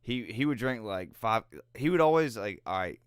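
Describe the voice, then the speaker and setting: A man's voice: mid-range voice, expressive, normal speed, clear, resonant tone, no room sound, studio quality. A man in his twenties co-hosting a podcast, telling rambling, laughing stories in casual, profane chat. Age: 20s. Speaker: podcast co-host.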